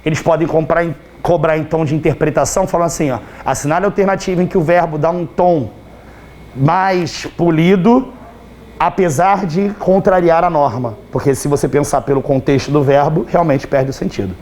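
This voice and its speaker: Chatty Brazilian teacher, slightly hoarse. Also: male voice, on the high side, normal speed, darkish tone. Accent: Brazilian Portuguese. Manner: chatty, teasing, constantly checks understanding. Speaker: Portuguese teacher. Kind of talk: live online class.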